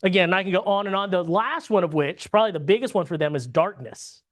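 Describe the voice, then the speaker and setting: Speaking at a quick pace with a medium pitch, a Bible class teacher from the United States leads a conversational lesson. The teacher often asks "right?" and uses other tag questions to check in, restarting sentences and repeating words mid-sentence.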